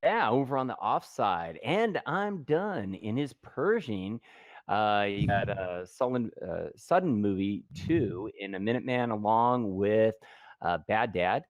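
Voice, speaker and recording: Male co-caster, lively swinging delivery, easygoing, laughing, dry close mic. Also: on the low side, a little slow, no echo. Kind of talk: esports commentary.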